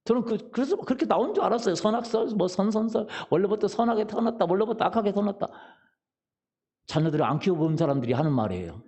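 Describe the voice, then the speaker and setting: A man's voice: high voice, big pitch swings, quick pace, dark tone. A middle-aged man preaching a sermon as pastor, telling humorous stories and asking the congregation questions. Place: church sanctuary.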